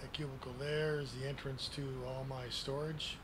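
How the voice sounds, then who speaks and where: A grandpa-like man in his sixties, a gaming video creator, gives an unscripted tour of his base at a desk microphone in a clearly noisy home recording. His medium-pitched voice barely moves in pitch at a moderate pace, and his delivery is folksy and plain-spoken.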